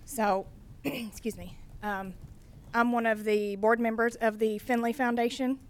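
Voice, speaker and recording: Woman with a worn-out voice at council public comment, pretty flat delivery, earnest. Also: a little high, unhurried. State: losing her voice. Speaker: foundation board member giving public comment.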